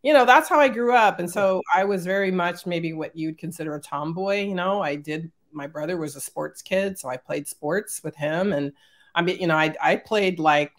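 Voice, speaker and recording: A middle-aged woman, an executive, telling childhood stories as an interview guest over a video call, animated and laughing often. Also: lowish voice, moderate pace. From born in Germany, raised in Northern California. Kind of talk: casual storytelling.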